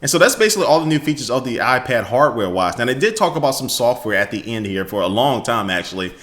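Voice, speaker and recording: Fast-talking American tech vlogger. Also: male voice, medium pitch, sing-song, a bit bright. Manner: fast-talking, enthusiastic, with frequent fillers. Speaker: tech video host. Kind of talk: casual tech news recap.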